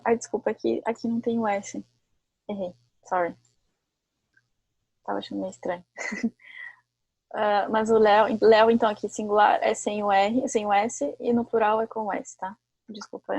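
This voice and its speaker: Woman, French teacher, husky voice, dry close sound. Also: mid-range voice, darkish tone, no echo. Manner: explains in Portuguese with French examples, corrects herself. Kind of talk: online language lesson.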